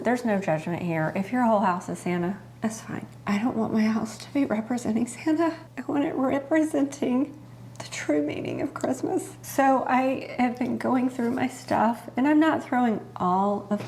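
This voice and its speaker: A woman's voice: on the high side, normal speed, darkish tone, a little hiss or hum. A middle-aged woman hosting her home cooking channel, chatting earnestly and heartfelt to her viewers. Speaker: host. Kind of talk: casual chat to camera.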